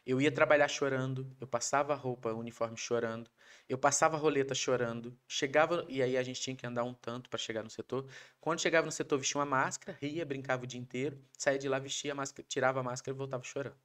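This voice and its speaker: A Brazilian man, a podcast guest, telling a personal story in a casual, animated way, acting out his wife's lines. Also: mid-range voice, quick pace, clean tone. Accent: Brazilian Portuguese. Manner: animated, acts out quoted voices of his wife.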